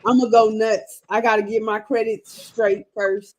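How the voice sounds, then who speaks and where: A woman's voice: fairly high pitch, flat delivery, measured pace, rough recording. A woman in her thirties chatting casually on a sports show, ranting with emphatic repetition. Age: 30s.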